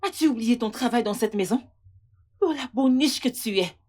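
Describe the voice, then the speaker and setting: A scornful young woman with a high, lively voice that swoops up and down. She taunts and mocks, and her bossy tone never lets up. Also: moderate pace. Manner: mocking, taunting. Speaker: dubbing actress. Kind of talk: dubbed film drama.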